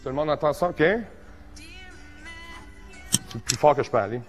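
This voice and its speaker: A man in his forties with a Québécois accent, teaching a casual songwriting workshop, joking and animated, tossing in English words. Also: medium pitch, moderate pace, in a large hall, faint music behind. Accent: Québécois French. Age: 40s.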